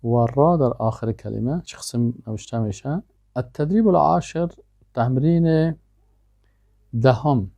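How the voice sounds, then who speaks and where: A male language teacher, his voice mellow and gravelly. He says vocabulary words one at a time, then explains them in plain speech. The sound is close and dry. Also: medium pitch, pauses often, no echo. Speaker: Arabic teacher. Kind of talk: language lesson with pronunciation drills.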